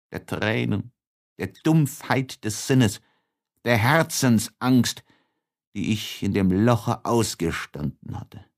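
In a dramatic, deliberate and expressive style, a man with a fairly low voice reads a classic literary letter as an audiobook narrator.

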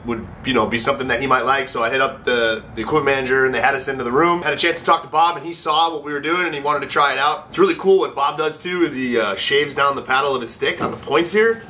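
A man's voice: medium pitch, sharp tone, a little hiss or hum. A man chatting casually and slangily in a vlog, with loose trailing asides, picked up by a handheld camera. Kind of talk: casual chat.

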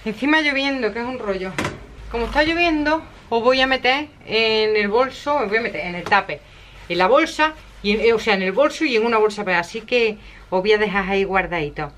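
A middle-aged woman talks straight to her viewers in a relaxed home vlog, filming herself on a handheld camera. Her voice sits a little high and she keeps the chat loose and friendly. A faint hiss runs under the recording. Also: a little fast. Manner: chatty, talks straight to viewers, laughs often. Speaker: vlogger. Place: at home, indoors.

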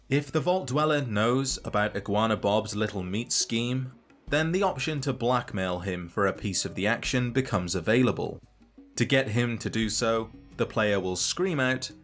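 A man narrating a scripted game video essay in a measured, dry and wry way. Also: medium pitch.

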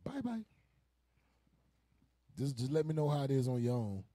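A man's voice: mid-range voice, fast, mellow, no room sound. A man leading a casual group teaching session, joking and laughing often with the people around him. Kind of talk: casual preaching, joking banter.

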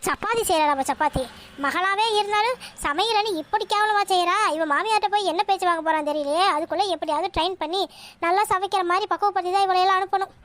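A woman's voice: very high-pitched, fast, fairly bright tone. A woman voicing a blunt, scolding older village mother-in-law in a cartoon. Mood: grumbling. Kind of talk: cartoon voice acting.

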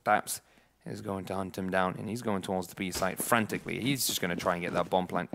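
A man giving lively play-by-play commentary on a competitive shooter match, joking with his co-caster. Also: sits low, fast, creaky. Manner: lively, jokey banter with co-caster. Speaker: esports commentator. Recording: noisy with game gunfire behind. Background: game gunfire.

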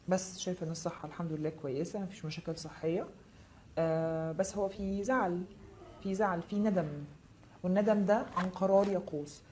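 Fast-talking Egyptian woman tarot reader. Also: on the low side, dark tone, slight background noise. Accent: Egyptian Arabic. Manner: fast, reassuring, direct advice to viewers. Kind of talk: live tarot reading answering viewer comments.

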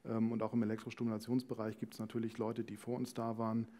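On a small indoor stage before a talk-show panel, a company managing director answers as a guest, explaining things through a headset mic. His voice sits on the low side, mellow and monotone, and he talks fast.

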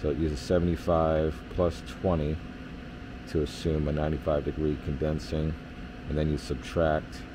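A man who works as an HVAC technician casually explains system readings while working hands-on near a basement furnace, using plenty of filler words. He speaks at an ordinary pace in a low, rumbling voice over a noisy background.

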